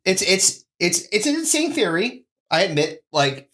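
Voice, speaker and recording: A man's voice: sits high, very animated, unhurried, fairly bright tone. A male podcast host tells stories in casual banter. He is sardonic and emphatic, with a crude comic streak.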